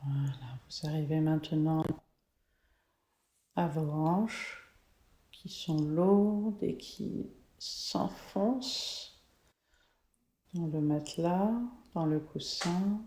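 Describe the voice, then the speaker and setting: A woman leading a guided relaxation meditation in a soothing, gentle, unhurried manner. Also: sits low. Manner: soothing, slow, gentle spa-like delivery. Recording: echoey, reverberant room.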